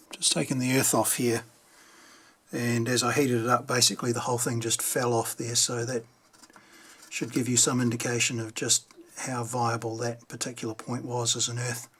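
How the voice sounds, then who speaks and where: Thinking aloud while working on a radio, this New Zealand hobbyist gives casual, unscripted repair commentary for a how-to video. His voice is medium in pitch, a bit bright, and husky.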